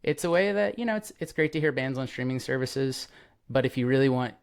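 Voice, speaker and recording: Animated and a little fast, this young man's medium-pitched, smooth voice hosts a podcast. He carries a casual interview chat with enthusiasm, rambling through many fillers and restarts.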